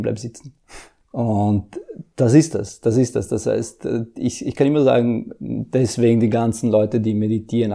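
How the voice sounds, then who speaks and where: A man's voice: medium pitch, vocal fry, warm tone. A man who coaches emotional intelligence, answering interview questions earnestly, repeating words and acting out inner voices.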